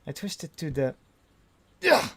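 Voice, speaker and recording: A man's voice: medium pitch, moderate pace. A man reading a visual novel aloud in first person, with dry delivery and frequent restarts. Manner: dry narration with restarts and sighs.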